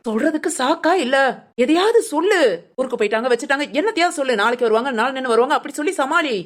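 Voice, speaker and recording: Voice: high-pitched, expressive, fast. A performer voicing an outspoken young woman in a cartoon, blunt and scornful as she gives her friend orders. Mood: bossy. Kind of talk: cartoon family drama voice acting.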